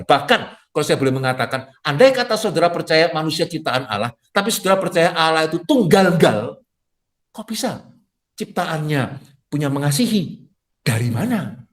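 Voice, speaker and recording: Man preaching in chatty, lively style. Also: a little high. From Indonesia. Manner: lively, acts out quoted dialogue with jokes; conversational preaching with frequent "ya" tags. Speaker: pastor. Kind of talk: sermon.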